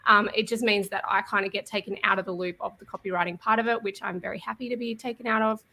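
A woman's voice: mid-range voice, fairly even intonation, fast, bright, forceful tone. A woman, a web designer, talking casually in a panel chat, with many fillers.

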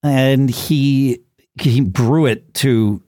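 A man co-hosting a casual business podcast, talking in an animated way, often restarting and checking in with "right?". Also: mid-range voice, very slow, no echo, studio quality. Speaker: podcast co-host.

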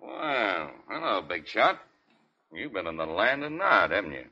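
A man's voice: on the low side, very animated, unhurried, background noise. An actor playing a sardonic, needling 1930s beat cop, a hard-boiled city policeman in a vintage radio crime drama. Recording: dull vintage radio recording.

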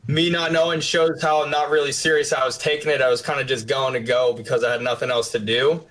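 A man's voice: mid-range voice, steady tone, brisk, fairly bright tone, rough recording. A 21-year-old man from western Pennsylvania, answering interview questions in a plain, matter-of-fact way. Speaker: guest.

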